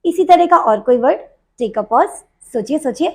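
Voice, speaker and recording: In this pronunciation lesson, a lively, high-voiced woman teaches English slowly, breaking each point down step by step. She has students drill by repeating words, addresses them directly, and switches between Hindi and English.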